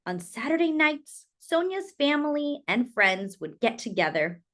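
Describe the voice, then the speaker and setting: A woman with a high voice acts as storyteller for a children's picture book, reading it aloud. She delivers it with expressive, deliberate phrasing and dramatic stress.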